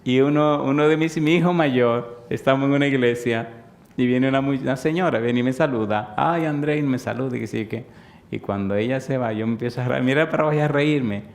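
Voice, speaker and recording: A man's voice: mid-range voice, fairly quick, gravelly. Pastor guy in his fifties, joking storyteller sermon, keeps asking the crowd yes or no. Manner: storytelling, playful, asks the congregation questions.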